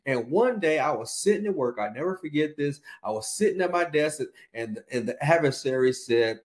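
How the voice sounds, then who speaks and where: A middle-aged man preaching a sermon, leaning on call-and-response and drawing out key words. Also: on the high side.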